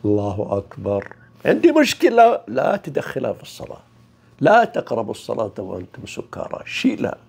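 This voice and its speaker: A man gives an informal spiritual talk in a gravelly, husky voice. His pitch rises and falls widely, and he moves from loud emphasis down to near-whispers. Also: sing-song, fast talker. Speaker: spiritual teacher.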